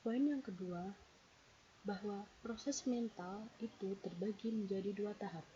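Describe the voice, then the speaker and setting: A woman presents a read-out lecture in a warm, mellow voice, steadily numbering each point as she explains. The recording is dull and lo-fi, with a faint hiss underneath. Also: medium pitch, measured pace. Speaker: presenter explaining a psychology theory.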